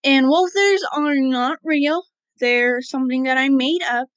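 High-voiced woman telling a homemade story. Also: measured pace, no room sound, poor audio. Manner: hesitant, many ums. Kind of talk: casual homemade story narration.

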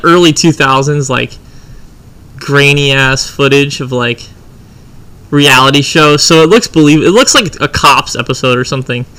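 A man telling a long story in casual chat, swearing freely and animated. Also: a little high.

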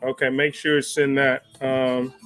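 A man's voice: mid-range voice, flat delivery, measured pace. A man hosting a live stream show in a casual, laid-back way, greeting viewers by name and using easy slang. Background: jazz music playing softly.

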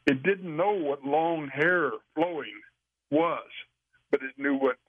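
A man telling a long story as an interview guest, rambling and halting with frequent restarts. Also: a little high, no room sound. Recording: dry, tinny phone line.

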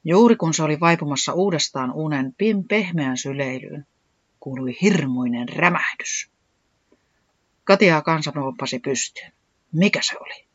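A storyteller reading a children's story aloud with lively expression. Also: medium pitch, breathy edge, no echo, lo-fi sound. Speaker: narrator. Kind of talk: children's audiobook narration.

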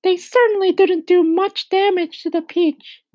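A man voicing Miss Spider, a prim and polite female spider, in a very high, genteel voice. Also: fairly even intonation, measured pace, darkish tone, no room sound.

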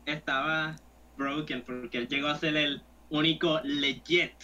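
Bright, forceful young man. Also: on the high side, fairly even intonation, unhurried, highs cut off, slight background noise. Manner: opinionated, mixes Spanish and English. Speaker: panelist. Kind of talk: casual chat.

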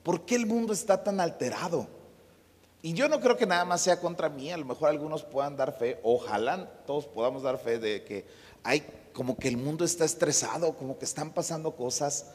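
A man's voice: on the high side, brisk, darkish tone, husky. A middle-aged man, preaching a conversational sermon with storytelling and humorous asides. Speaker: pastor. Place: church. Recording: long hall reverb.

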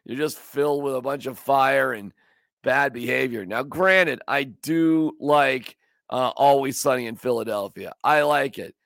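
A man's voice: medium pitch, a little slow, vocal fry, fairly bright tone, no room sound, studio quality. A man hosting a casual sports podcast, joking and rambling as he chats with his co-host. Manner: joking, rambling, does silly voices.

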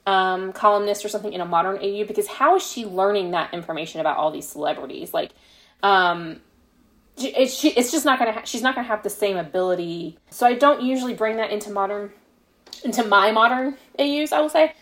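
A woman appears as a guest author on a casual podcast interview, chatting and explaining things tentatively, as if thinking aloud. Her mid-range voice is fast and a bit bright.

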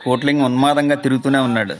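A man reading a story aloud in a measured, expressive way, with music behind him. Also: mid-range voice.

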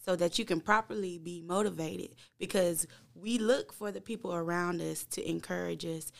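Young woman in her 20s, raspy fry-ish voice, lively casual podcast talk. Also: fairly low pitch, normal speed.

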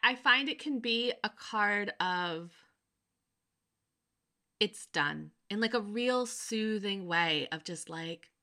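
A woman in her thirties talks through her thoughts in a relaxed podcast chat. Her voice has a bright, clear edge, and she thinks aloud with plenty of fillers and easy laughter. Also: medium pitch, takes it slowly. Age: 30s. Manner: reflective, laughs often, many fillers. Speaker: podcast co-host. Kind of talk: casual chat.

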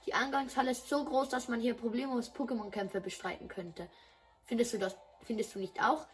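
A woman's voice: on the high side, steady tone, a little fast, natural voice. A woman voicing a polite, formal male school principal in a game dub, with slight stumbles. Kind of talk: dubbing game dialogue.

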